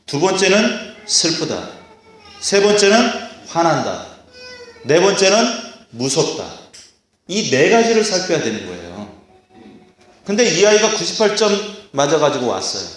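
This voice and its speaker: A man preaching a sermon to a congregation, animated, acting out scolding parents in a raised voice. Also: fairly high pitch, measured pace. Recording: echoey hall.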